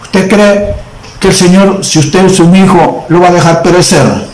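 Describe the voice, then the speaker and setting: Slow, fervent preacher in an echoey room. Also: male voice, high-pitched, a little mellow. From El Salvador. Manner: slow, emphatic preaching with long pauses. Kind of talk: sermon. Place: church.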